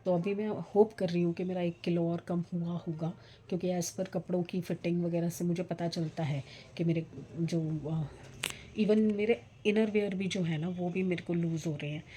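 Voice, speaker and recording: Middle-aged woman vlogger, low mellow voice, rambling chatty delivery, faint background noise. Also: steady tone, normal speed. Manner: rambling, chatty, many fillers. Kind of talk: casual vlog chat.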